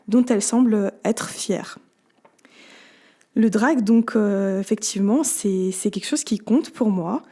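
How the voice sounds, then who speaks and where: A woman in her twenties from Switzerland, speaking as a podcast guest. Her voice is mellow and warm, set at a middle pitch. She talks haltingly, filling her pauses as she thinks. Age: 20s. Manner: hesitant, many fillers. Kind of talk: conversational interview.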